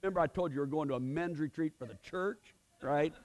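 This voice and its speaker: A middle-aged man preaching a sermon in a fairly high voice. He tells his story in a chatty way. He drops to quiet asides, then bursts out loud to stress a point. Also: brisk. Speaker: pastor.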